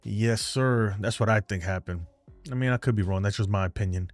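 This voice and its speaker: A New York-accented man hosts a fan live stream, working through viewer comments in a rambling, chatty, loose and candid manner. He speaks fairly quickly in a lowish voice, with faint music behind him.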